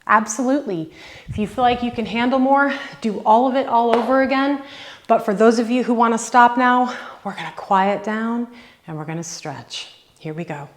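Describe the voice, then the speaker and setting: A woman's voice: fairly high pitch, moderate pace. A woman fitness instructor leading a workout at home, counting reps aloud and coaching with encouragement. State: out of breath at times.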